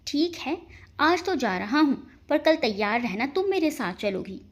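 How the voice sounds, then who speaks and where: A calm, affectionate young husband who teases gently, as voiced by a woman narrator. The voice stays soft and tender, a touch lower than her narration. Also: unhurried.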